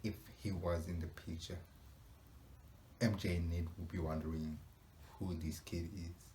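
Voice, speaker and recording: A man hosting a reaction video, musing out loud with rhetorical questions and laughs. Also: low voice, steady tone, a little slow, a little hiss or hum. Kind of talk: casual reaction commentary.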